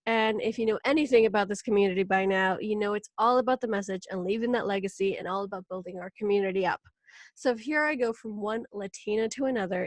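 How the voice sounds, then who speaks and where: A woman hosting a relaxed podcast interview, chatty and laughing easily. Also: mid-range voice, dry recording. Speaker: podcast host.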